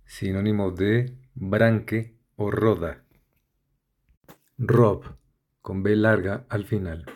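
Brief: male reader, low voice, unhurried pace, methodical dictionary-style delivery. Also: fairly even intonation, a little mellow. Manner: spells out letters and lists synonyms methodically. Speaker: vocabulary reader. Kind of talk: slow, deliberate dictionary reading.

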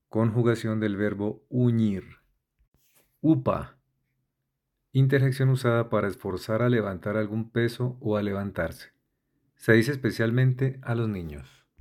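A man with a low, dark, mellow voice reads through a word list at a very slow, deliberate pace. He spells out each letter and accent mark carefully, like a dictionary being read aloud. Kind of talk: slow dictionary-style reading.

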